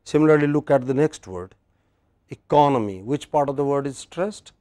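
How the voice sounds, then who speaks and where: A man's voice: on the high side, fairly quick, warm tone, no echo, clean studio sound. A man teaching English pronunciation in a lecture, patient, repeating phrases and checking that the class follows.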